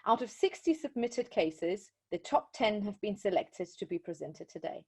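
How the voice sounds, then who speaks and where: A woman with a slightly husky voice hosts a formal online webinar. She speaks in a measured, courteous way, introducing the speakers. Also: medium pitch, darkish tone. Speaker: event organizer and host.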